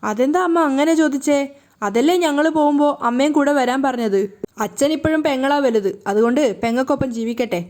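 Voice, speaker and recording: A woman's voice: sits high, fast, a little mellow, natural voice. Woman reading as a caring young daughter.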